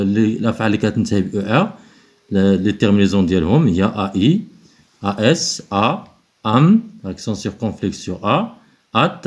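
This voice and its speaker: A man with a Moroccan accent, teaching French exercises, alternating quick explanation with slow, spelled-out dictation. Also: on the low side.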